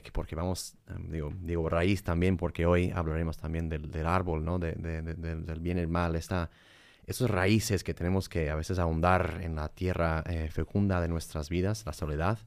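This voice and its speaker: Man, low pitch, halting conversational delivery, religious podcast, dry recording. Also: a little mellow, no echo. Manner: halting, searching for words. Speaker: podcast co-host. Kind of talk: conversational religious discussion with scripture reading.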